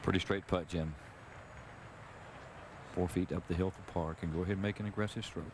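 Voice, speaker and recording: Lowish-voiced guy breaking down golf shots live on tv, noisy old tape sound. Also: steady tone, fairly quick. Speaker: golf analyst. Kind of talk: live analytical golf commentary. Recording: noisy outdoor broadcast on VHS tape.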